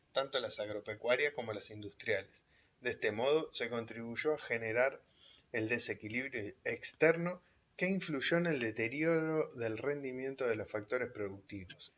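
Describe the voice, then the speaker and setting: Man reading a textbook aloud. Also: mid-range voice. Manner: steady, measured reading that pauses to reread a phrase. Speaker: reader of an economics text. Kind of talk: reading a book chapter aloud. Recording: dull lo-fi recording.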